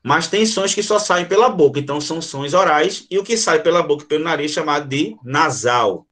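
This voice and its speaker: Higher-voiced man teaching a lively live class. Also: brisk. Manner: explains by demonstrating sounds, checks in with "tá?"; answers viewers' comments as they come in. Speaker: Portuguese teacher. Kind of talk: live online grammar lesson.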